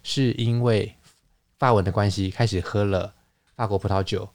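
A man with a fairly low voice talks through ideas at an easy, teacherly pace, pausing on fillers and correcting himself mid-word. The sound is dry and close, with no room around it. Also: fairly even intonation, darkish tone, no room sound. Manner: explanatory, lecturing with fillers and restarts. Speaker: podcast host, wine lecturer. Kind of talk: casual conversational podcast.

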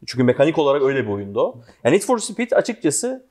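Fast-talking young man. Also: mid-range voice, huge pitch swings, darkish tone. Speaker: gaming show co-host. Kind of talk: casual video game discussion.

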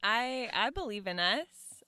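A woman's voice: fairly high pitch, lively intonation, slow, bright, forceful tone, clear, resonant tone, dry recording, studio quality. A woman in her twenties co-hosting a casual comedy podcast, with a playful, tongue-in-cheek optimism. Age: 20s. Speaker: podcast co-host. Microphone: close podcast microphone.

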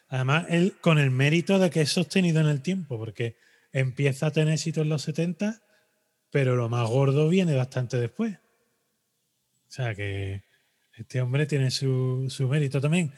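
A man co-hosting a relaxed podcast chat, animated and jokey. His voice sits at an ordinary middle pitch, and his sentences often trail off into fillers. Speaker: podcast co-host. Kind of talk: casual chat.

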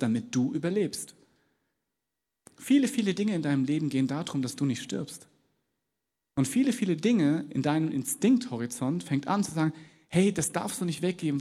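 A man with a mellow, slightly high voice delivers a sermon in a big church, keeping it casual and conversational and breaking into short acted-out dialogues. The church's long reverb fills the recording.

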